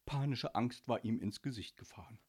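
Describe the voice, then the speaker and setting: A man narrating a children's audiobook in a playful, expressive way. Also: medium pitch, normal speed, breathy edge.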